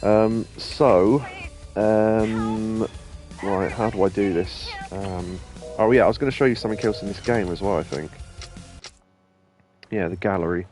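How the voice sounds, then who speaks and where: A man's voice: lowish voice, steady tone, a little slow, a little mellow, soft background music. Rambling man on a game stream. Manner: rambling, loose, with many ums and restarts. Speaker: gaming streamer and host. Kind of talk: casual let's-play commentary.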